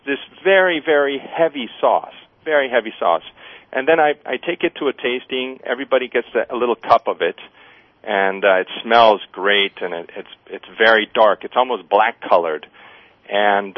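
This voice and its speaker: A man's voice: on the low side, no echo. American man on a phone-like line. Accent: standard American. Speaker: guest winemaker. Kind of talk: casual interview answers. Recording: thin phone-like radio line.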